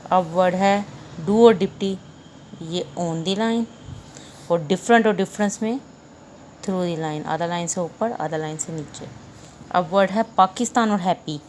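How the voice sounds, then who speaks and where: Lower-voiced woman teaching shorthand step by step. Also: a little mellow, slight background noise. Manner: explains step by step, repeats key rules. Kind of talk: classroom lecture.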